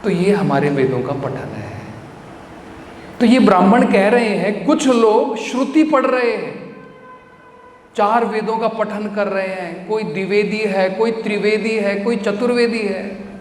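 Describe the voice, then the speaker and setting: A man's voice: high-pitched, measured pace, a little hiss or hum. A man giving a devotional scripture lecture, explaining verses line by line and putting rhetorical questions to his listeners. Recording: echoey hall with faint ambience.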